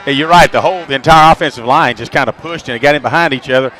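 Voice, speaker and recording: A man giving chatty, rambling color commentary on a high school football game for radio. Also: quick pace, a bit bright, a little hiss or hum, poor audio. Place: high school football stadium press box.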